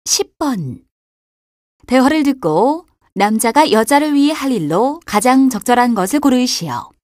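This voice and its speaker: Woman announcer, reading exam instructions, very fast, high voice, dry studio. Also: very animated, a little mellow, dry recording. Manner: brisk, formal instruction reading. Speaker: test announcer.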